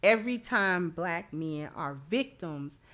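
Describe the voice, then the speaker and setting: Her voice is low and a bit bright, slow but with lively intonation. As a livestream host she chats and comments casually, thanking her supporters with great enthusiasm.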